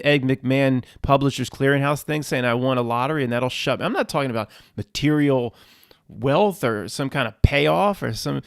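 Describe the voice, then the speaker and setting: A man hosting his own channel, delivering a fervent spiritual rant that swears at unseen rulers, with halting restarts and repeated words. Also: mid-range voice, dry recording, studio quality. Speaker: channel host. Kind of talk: ranting spiritual monologue.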